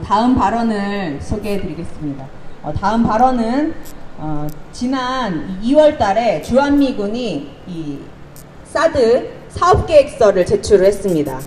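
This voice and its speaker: A woman's voice: on the high side, slight background noise, low-quality recording. A woman from South Korea emceeing a street rally, announcing speakers and leading chants. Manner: brisk announcing, leads call-and-response chants.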